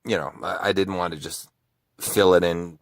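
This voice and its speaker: A man's voice: low voice, steady tone, normal speed, vocal fry, no echo. A man who hosts true crime videos, telling a personal story in a casual, rambling way with many restarts.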